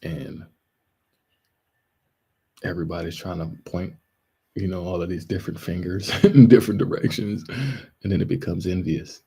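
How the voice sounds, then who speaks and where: Gravelly low-voiced man riffing on a livestream. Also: steady tone, normal speed, pauses often, dark tone, rough recording. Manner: loose, rambling, joking, laughs often. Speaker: livestream host. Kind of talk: casual livestream commentary.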